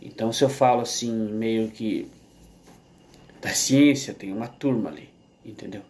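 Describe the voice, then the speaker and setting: Vlogging to camera, a man with a Brazilian Portuguese accent rambles through a casual monologue, restarting often and tossing in tag questions at an unhurried pace. His voice sits fairly low, with a darkish tone.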